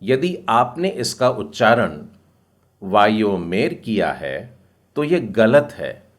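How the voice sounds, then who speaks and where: A man's voice: mid-range voice, big pitch swings, takes it slowly. A man teaching Hebrew step by step, patiently spelling out each word and repeating it. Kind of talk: slow step-by-step lesson.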